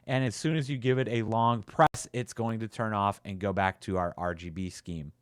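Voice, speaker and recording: A man's voice: on the low side, moderate pace, clean tone, no room sound, studio quality. A man casually walking through a product demo, upbeat and chatty with frequent "uh"s and repeats. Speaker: tech reviewer.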